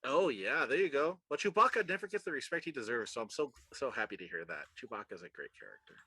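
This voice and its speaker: Male podcast host, bright and animated delivery, dry close sound, encouraging tone. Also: medium pitch, breathy edge, dry recording. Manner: upbeat, encouraging, quick to laugh. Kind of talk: casual group chat.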